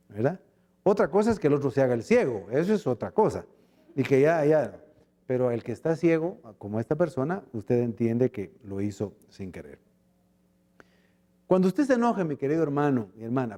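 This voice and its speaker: A man with a Guatemalan accent preaching a sermon as pastor, acting out short dialogues as he goes. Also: medium pitch. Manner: animated preaching, acts out little dialogues.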